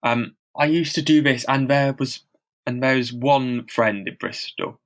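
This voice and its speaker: A man's voice: mid-range voice, a little slow. A man co-hosting a podcast in casual chat, who stammers with blocks and repeated sounds and talks in a loose, self-deprecating way. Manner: loose and chatty, with lots of fillers and self-deprecating asides. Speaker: podcast co-host.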